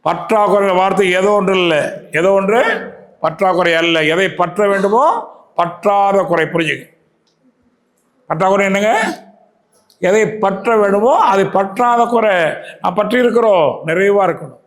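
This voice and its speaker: Speaking to a yoga class, a man with a Tamil Nadu accent delivers a spiritual talk in a voice that sits high with fairly even intonation. He repeatedly questions his listeners, returns to key phrases, and recites verses at a slow pace.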